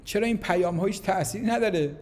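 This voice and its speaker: A man giving a motivational talk, full of rhetorical questions, swinging between loud emphasis and quiet asides. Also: high-pitched. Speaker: motivational speaker.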